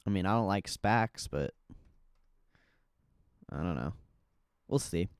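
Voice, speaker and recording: A man hosting a casual trading livestream, speaking in a clean, smooth voice with lively pitch movement. His delivery is slangy and offhand, like muttered reactions, and the sound is close and dry. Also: takes it slowly, no echo. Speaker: livestream host trading stocks. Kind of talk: casual livestream chat and market commentary.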